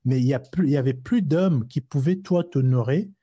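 This co-host of a live discussion show has a medium-pitched, mellow, husky voice and talks fairly quickly. He wanders through his points with frequent fillers and restarts, leaning on everyday examples, and the studio-quality audio has no room sound.

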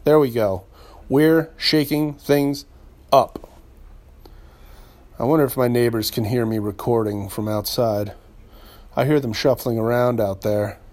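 A man's voice: medium pitch, darkish tone. A man hosting a solo podcast from home, talking in a rambling, chatty way full of asides. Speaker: podcast host. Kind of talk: solo casual podcast monologue. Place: home room. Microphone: podcast microphone.

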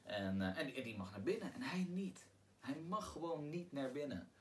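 Male podcast host, mid-pitched, casual plot retelling, halting and repetitive, recorded a bit far from the mic with faint background noise. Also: animated. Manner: halting, often repeats words and restarts.

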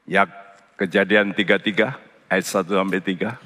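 A male pastor preaching a sermon, slow and deliberate, leaping into high animated voices when he tells stories. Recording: long hall reverb.

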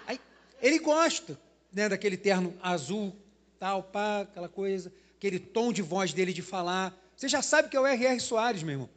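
A pastor preaching to his congregation. His voice sits notably high for a man, and he talks in an easy, chatty way, checking in with the room through little tag questions. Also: lively intonation, normal speed, a bit bright. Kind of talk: sermon. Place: church hall.

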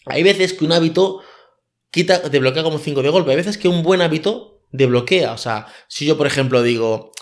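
Man, slightly high voice. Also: moderate pace. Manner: hesitant, frequent "eh" fillers. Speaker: life coach. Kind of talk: casual podcast monologue.

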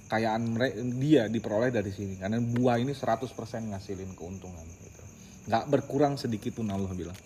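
Animated man leading a study group. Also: fairly low pitch, a little fast, slight background noise. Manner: animated, slips in English words, calls listeners by nickname. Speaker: Quran study group leader. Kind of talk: casual religious study talk.

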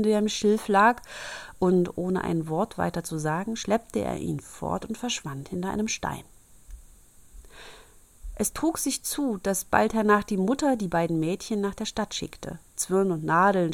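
Low gravelly woman reading a fairy tale. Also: dry recording. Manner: steady, old-fashioned storybook telling. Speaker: storyteller.

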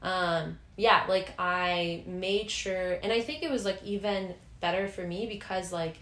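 A woman's voice: fairly low pitch, steady tone, measured pace, a bit bright. A young woman co-hosting a podcast, chatting casually with lots of fillers. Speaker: podcast co-host. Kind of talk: casual chat. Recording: echoey room.

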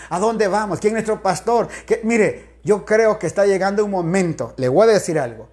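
Male pastor, home sermon, loud and extroverted, exclamatory delivery. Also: high voice. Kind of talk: daily quarantine sermon.

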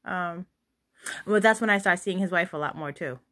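A young adult woman, a chef, talking casually and chattily about kitchen life, lively when she quotes others. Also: on the low side, normal speed. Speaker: podcast host and chef. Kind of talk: casual storytelling monologue.

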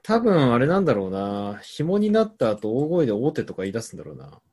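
A young man with a husky, breathy voice talks quickly and swings his pitch all over the place. He hosts a relaxed comedy chat, reading listener answers and riffing on them with playful, deadpan absurdity.

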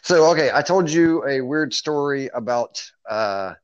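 A man's voice: mid-range voice, expressive, measured pace, clean tone, dry recording. Male podcast co-host, playful and jokey, dry close sound with a muffled lo-fi quality. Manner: joking, playful, laughs often. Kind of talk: casual podcast chat. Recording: dull lo-fi sound.

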